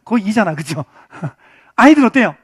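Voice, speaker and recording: A man teaching a church Bible study class in an animated way, often putting questions to his listeners. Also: high-pitched, moderate pace, breathy edge, dry recording, studio quality. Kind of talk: interactive Bible lesson.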